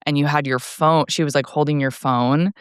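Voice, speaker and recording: Young woman rambling and giggling, smooth clear voice, dry mic. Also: deep voice, steady tone, normal speed, no echo. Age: 20s. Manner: chatty, laughing, filler-heavy. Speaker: podcast co-host. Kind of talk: casual family chat.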